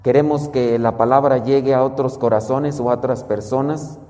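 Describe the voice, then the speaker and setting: A man preaching a sermon, explaining a Bible reading slowly and carefully. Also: medium pitch, steady tone, warm tone, long reverb tail. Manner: slow, measured explaining of scripture.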